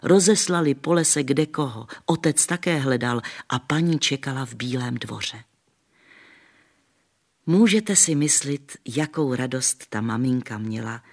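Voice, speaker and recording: Guy reading an old granny telling folk stories, gravelly and husky. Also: medium pitch. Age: older. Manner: homely, patient storytelling with folksy sayings. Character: kindly old grandmother, gentle village storyteller.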